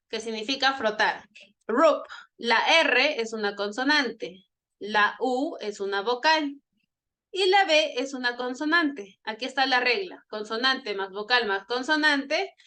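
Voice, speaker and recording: Her fairly high voice is bright and forceful as she runs an online English grammar lesson. A Spanish speaker by first language, she's patient, repeats herself and checks in with her students.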